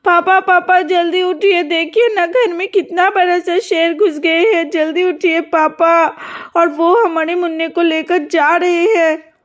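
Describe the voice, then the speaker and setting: A woman's voice: extremely high pitch, fairly even intonation, unhurried. A woman voicing a frightened little girl who keeps pleading urgently in a children's cartoon. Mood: scared pleading. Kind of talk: cartoon voice acting.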